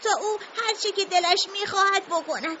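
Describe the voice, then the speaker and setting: A man's voice: very high-pitched, bright, forceful tone, a little hiss or hum, pitched above the performer's own voice. A man voicing a frightened young boy who begs tearfully for mercy, in a dull lo-fi recording. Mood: pleading. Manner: tearful, begging.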